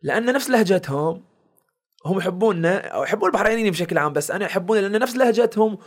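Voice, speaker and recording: Fast-talking and high-voiced, a young Bahraini comedian and content creator guests on a podcast, telling stories casually. He speaks in a village Bahraini dialect and acts out the exchanges he recounts.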